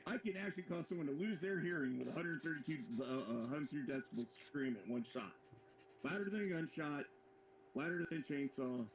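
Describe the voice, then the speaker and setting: This co-host of a live modeling show has a fairly high voice and talks a little fast as he tells a rambling anecdote with many restarts. It's casual storytelling, captured with a roomy, dull sound and faint background noise.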